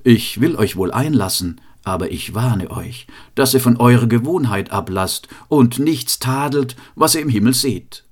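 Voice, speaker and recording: A man voicing a stern older gatekeeper of heaven who speaks slowly and gravely in a fairy tale reading. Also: mid-range voice, animated. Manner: slow, grave, warning.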